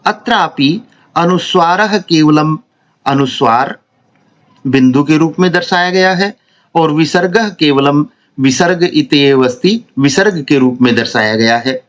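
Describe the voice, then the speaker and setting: A man teaching a grammar lesson, explaining slowly and repeating syllables one by one. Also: on the high side, highs cut off. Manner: slow, deliberate, repeats and spells out syllables.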